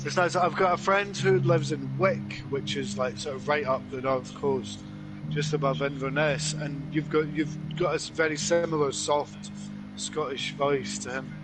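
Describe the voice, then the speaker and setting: Higher-voiced Glaswegian man, music behind. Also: fairly even intonation, unhurried, poor audio. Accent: soft Glaswegian. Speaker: guest caller. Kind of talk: casual, sweary livestream chat.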